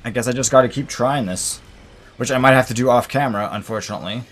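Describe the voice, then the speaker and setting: A man's voice: medium pitch, quick pace, a little hiss or hum. Young man venting over a game. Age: young adult. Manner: venting, exasperated, rambling with many fillers. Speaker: gaming channel host. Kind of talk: let's play commentary.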